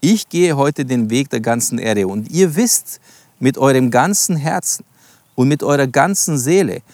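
A man's voice: medium pitch, lively intonation, unhurried, darkish tone, dry recording. A man teaching from the Bible in a sermon, reading verses aloud and explaining them, stressing single words and addressing his listeners directly. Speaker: preacher.

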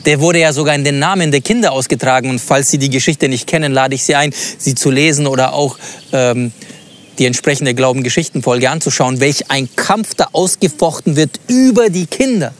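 A man's voice: medium pitch, a little fast. A man teaching on a Bible passage, thinking aloud and asking open questions. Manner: reflective, asks open questions. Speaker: preacher.

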